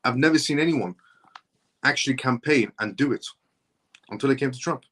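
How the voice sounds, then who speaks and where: A man's voice: medium pitch, a little fast, fairly bright tone. A man in his thirties hosting a live stream, answering viewer comments and making his points in an emphatic, repetitive, insistent way. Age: 30s. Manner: reads viewer comments aloud and answers them.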